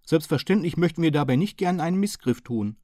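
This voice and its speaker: A man's voice: on the high side, lively intonation, a little fast, darkish tone, dry recording, studio quality, voice pushed up, lightly acted. A man voicing a slim, polite and modest middle-aged county councillor who speaks earnestly and precisely.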